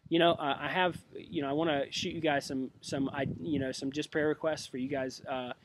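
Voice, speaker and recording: A young man who has been sick, giving an earnest, halting spoken update with many restarts. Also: a little high, steady tone, background noise. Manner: earnest and prayerful. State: sick with a cough. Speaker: missionary giving a monthly update.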